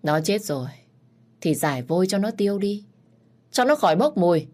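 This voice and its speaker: A woman's voice: mid-range voice, expressive, moderate pace, darkish tone, close to an everyday voice. A woman voicing a bitter, resentful mother in a spoken story, accusing and raised. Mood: cold. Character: bitter grieving middle-aged mother, servant woman.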